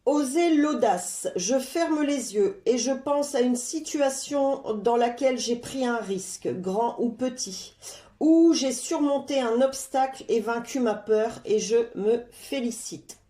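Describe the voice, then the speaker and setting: Lady doing a card reading, slow and chatty, lots of euh, voice kinda high, echoey room. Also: mellow. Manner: chatty and unhurried, full of "euh" fillers; stops to talk to her cat. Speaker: tarot card reader. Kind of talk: casual card-reading guidance.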